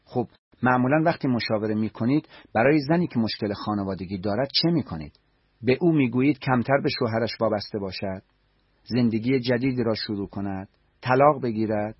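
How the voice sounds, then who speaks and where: A man's voice: mid-range voice, breathy edge, no room sound, lightly acted. A man voicing a bitter forty-year-old wife. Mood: challenging. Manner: blunt, sarcastic, defensive. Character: angry forty-year-old married woman. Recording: dull lo-fi recording.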